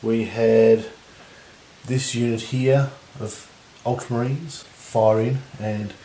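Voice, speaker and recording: A man with a husky voice from recent illness, giving relaxed, rambling commentary on a tabletop battle. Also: medium pitch, slow. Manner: relaxed, rambling, lots of fillers. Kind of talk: casual game commentary. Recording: echoey room with faint noise.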